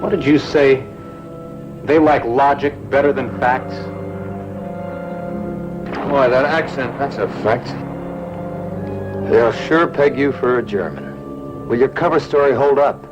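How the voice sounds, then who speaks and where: Brief: actor as blunt American officer, muffled sound, loud score behind. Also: male voice, mid-range voice, slow, pauses often, close to an everyday voice. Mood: skeptical. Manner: blunt, questioning. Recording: dull TV soundtrack with loud music.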